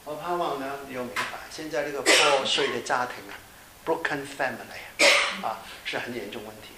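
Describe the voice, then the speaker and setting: A man's voice: mid-range voice, pushed and bright. A middle-aged man preaching a conversational sermon as a pastor, often checking in with his listeners and using fillers. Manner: conversational preaching with frequent tag questions and fillers. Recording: echoey room with faint hiss.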